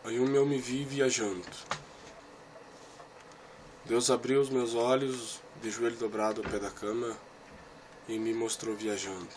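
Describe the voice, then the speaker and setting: A man's voice: medium pitch, level tone, a little slow, long pauses, darkish tone, slight background noise. Earnest man recounting a vision. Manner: earnest and emotional, with repeated phrases; talks straight to one listener. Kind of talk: personal religious testimony recounting a vision.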